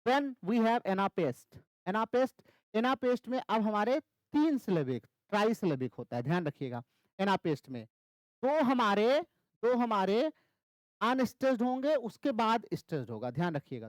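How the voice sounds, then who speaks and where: Brief: male literature tutor, exam-prep lecture, animated pitch, dry close sound. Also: no echo, poor audio. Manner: repeats key terms, asks and answers own questions. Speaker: English literature teacher.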